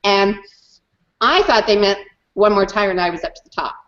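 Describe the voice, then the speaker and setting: A woman, a guest in an online hangout, telling a personal story in an emphatic, animated way and often repeating words. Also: medium pitch, normal speed, highs cut off.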